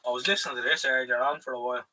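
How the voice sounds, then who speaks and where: Talking very fast in a steady, medium-pitched voice, an Irish livestreamer keeps up a rambling, casual chat full of swearing. His tone is bright and forceful, and he sits a bit far from the microphone.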